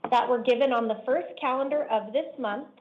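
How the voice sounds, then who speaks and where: A woman judge runs the calendar from the bench in a measured, formal, deliberate manner. Her fairly high voice comes through a dull, lo-fi courtroom recording from a bench microphone. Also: slight background noise.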